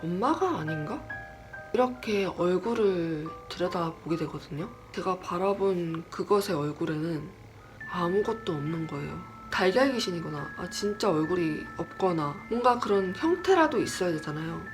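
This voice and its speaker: A woman's voice: lowish voice, moderate pace, music in the background. A woman casually telling a personal horror story, chatty and self-deprecating, acting out the voices in what she retells. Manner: lively, acts out quoted lines.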